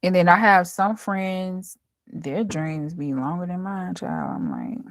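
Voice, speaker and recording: A dream interpreter with a fairly low voice chats casually with her viewers as host, speaking colloquially in a storytelling way. She's sing-song and takes it slowly. The recording is dry, with no room sound at all.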